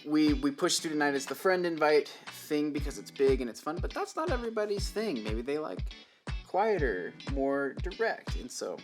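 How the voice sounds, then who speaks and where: A man co-hosting a student ministry video, chatting casually in a relaxed, loose way that trails off. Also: fairly high pitch, normal speed, over music. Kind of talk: casual chat.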